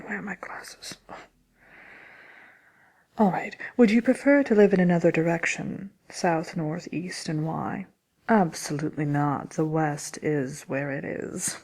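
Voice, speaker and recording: Woman as wicked storybook witch for ASMR roleplay: soft-spoken, gravelly, slow, dryly unapologetic. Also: on the low side. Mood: reading questions. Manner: unhurried, hesitant, dry, condescending "dearie". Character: haughty wicked witch of fairy tale, grumpy and unapologetic. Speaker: host of a question-and-answer show.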